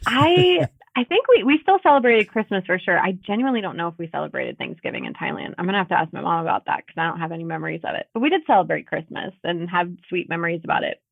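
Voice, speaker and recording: A woman's voice: lowish voice, expressive, fast talker, creaky, no echo. A woman in her thirties chatting as a guest over a video call, with frequent laughs and fillers. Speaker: podcast guest. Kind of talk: casual conversational interview. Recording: tinny phone-like audio.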